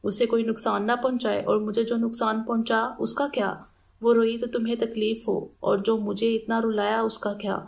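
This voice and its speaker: A woman's voice: fairly high pitch, level tone, creaky, a little mellow. A woman reading the lines of a wronged young wife, accusing and pleading in an audiobook novel. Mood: anguished. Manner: pleading, reproachful questions.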